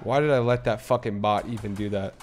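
Loud, hyped gamer guy. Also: fairly low pitch, a little fast, background noise. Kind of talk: casual gameplay chatter.

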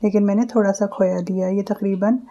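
A woman with a medium-pitched voice hosts her cooking channel from her home kitchen, calmly and briskly explaining each recipe step as she cooks. The highs in the recording are cut off.

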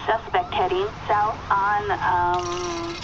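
Slow police radio dispatcher. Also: female voice, mid-range voice, very animated. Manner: measured, halting call-outs with phonetic codes. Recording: muffled radio with loud siren noise.

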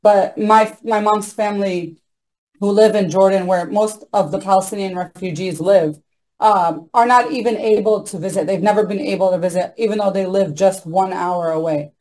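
Earnest young woman with a mellow voice. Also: mid-range voice, moderate pace, rough recording. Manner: earnest, repetitive assertions with frequent ums and you-knows. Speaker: panelist. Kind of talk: impassioned panel talk. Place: small indoor room. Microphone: laptop mic on a video call.

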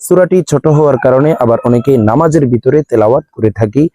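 In a mid-range, dark voice with no room sound, a man teaches Quran recitation step by step. He slowly spells out letters and vowel marks, then chants each verse in a long, drawn-out way.

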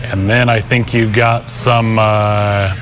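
Easygoing man over clear background noise. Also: on the low side, flat delivery, slow pace. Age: middle-aged. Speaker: restaurant representative, interview guest. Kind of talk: casual promotional interview. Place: sports bar, remote link. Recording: noisy busy sports bar ambience.

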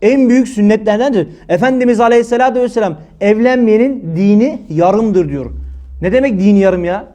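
Male preacher, high voice, scolding and emphatic, religious talk. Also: fairly quick, mellow. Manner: scolding, emphatic, rhetorical questions.

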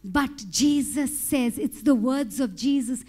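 A woman preacher with a strikingly high voice delivers an impassioned sermon on a church stage. She speaks into a handheld mic, building toward fervent prayer. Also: takes it slowly, husky. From India. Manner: impassioned, rising to shouted prayer. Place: church stage with pink backdrop.

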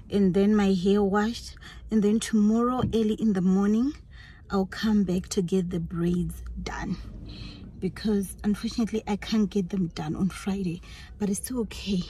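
A woman's voice: medium pitch, warm tone, breathy edge, low-quality recording. A woman in her thirties chatting casually to a phone camera as a vlogger, often dropping to a near whisper. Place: parked car. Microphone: phone at arm's length.

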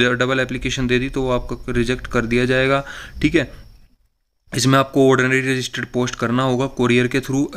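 Young man, flat monotone delivery, casual explainer host, slow halting reading of English text. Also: mid-range voice, slight background noise. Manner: reads English notice text slowly, haltingly. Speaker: job news channel host. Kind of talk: casual explainer over a document. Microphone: voice-over to a screen recording.

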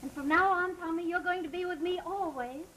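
Anxious mother, very high voice. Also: fairly quick. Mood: emotional, tender. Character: anxious, tender mother in a crime melodrama. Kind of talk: 1930s melodramatic film acting. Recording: noisy 1930s film soundtrack.

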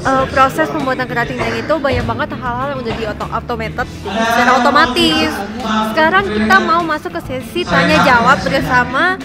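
A woman's voice: sits high, a little fast. A young woman hosting an event vlog in a bubbly way, mixing English words into her speech. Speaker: event host. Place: outdoors and in a factory hall. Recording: loud music and crowd behind.

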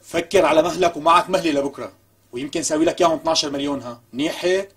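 A pushy, wheedling Syrian bargainer. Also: male voice, a little high, wildly swooping pitch, very fast, gravelly, a bit bright, breathy edge, full character voice. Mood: coaxing. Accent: Syrian Arabic. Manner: coaxing, wheedling, insistent. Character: smooth, pushy man bargaining hard. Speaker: persistent visitor. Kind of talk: TV comedy acting.

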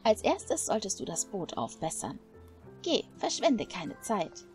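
A woman voicing a stern, protective elderly woman in a game, speaking slowly and gravely. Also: mid-range voice, very animated, a little mellow. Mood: reproachful. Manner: stern, scolding, slow and weighty. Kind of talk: game dialogue read aloud. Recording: faint music behind.

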